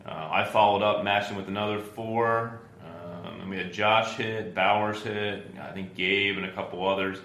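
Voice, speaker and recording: A man's voice: sits low, fairly even intonation, moderate pace, few pauses, fairly bright tone, roomy sound. A man co-hosting a casual podcast chat, telling stories in an easygoing way with lots of fillers, his voice tired and groggy. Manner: easygoing, filler-heavy storytelling. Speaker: podcast co-host.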